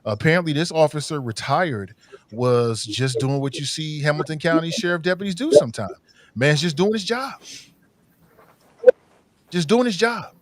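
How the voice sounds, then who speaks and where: A man's voice: on the high side, dry recording. A man hosting a podcast over livestream headset audio, talking casually while under the weather, rambling and repeating words as he gives frank opinions. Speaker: podcast host.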